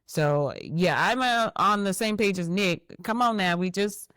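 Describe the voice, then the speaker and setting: A woman's voice: mid-range voice, animated, unhurried, fairly bright tone, no echo, studio quality. A woman co-hosting a podcast, speaking in a thoughtful, affirming way, backing her partner up with frequent agreement. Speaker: podcast co-host. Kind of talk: casual conversation.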